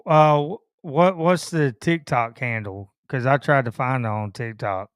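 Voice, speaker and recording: A man's voice: medium pitch, a little slow, clear, resonant tone, no echo, studio quality. A man hosting a podcast with a Southern country accent, talking in a laid-back, rambling way with many fillers. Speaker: podcast host. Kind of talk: casual chat.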